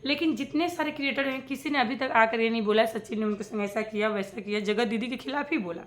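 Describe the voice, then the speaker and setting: A woman with a slightly high voice talks fast in an opinionated reaction vlog, addressing viewers directly. She is casual and emphatic, repeating her points and mixing English words into her speech.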